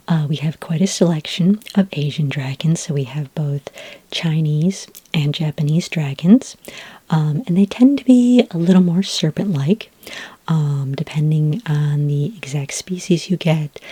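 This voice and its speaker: In a soft-spoken ASMR roleplay, a woman with a low-sitting voice plays a friendly, patient dragon ranch expert. Whispery and breathy, she explains things gently and a bit hesitantly, in a dry recording.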